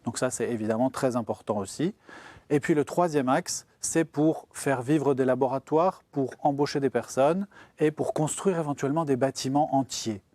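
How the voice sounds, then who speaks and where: Homme expliquant simplement, comme à un enfant. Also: male voice, mid-range voice, normal speed, darkish tone, no echo. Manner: explaining to a child in plain, step-by-step words. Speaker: guest expert on genetics. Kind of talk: explaining science simply on a broadcast show.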